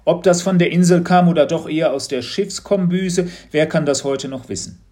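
A man's voice: on the high side, normal speed, warm tone, pitched above the performer's own voice, lightly acted. A man reading a story aloud, voicing a mysterious male teacher who asks leading questions in a raised voice. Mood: probing. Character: mysterious probing male teacher, knowing and sly. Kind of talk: audiobook storytelling.

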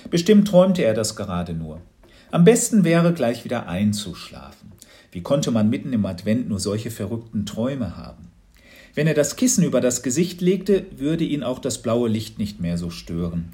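A man reading a children's storybook aloud in a lively, expressive manner. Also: mid-range voice, normal speed. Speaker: narrator.

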